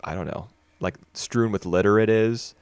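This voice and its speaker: On a podcast he co-hosts, a man from the United States talks films casually, chatty but hesitant, restarting often and using fillers. His fairly low voice is darkish, clear and resonant, at normal speed, with no echo.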